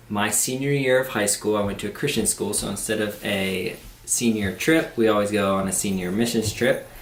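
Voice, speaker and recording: A man in his twenties from Pennsylvania, chatting casually and telling stories in a matter-of-fact way on a home vlog. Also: on the low side. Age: 20s. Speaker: vlogger. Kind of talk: casual chat. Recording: roomy home video with faint noise.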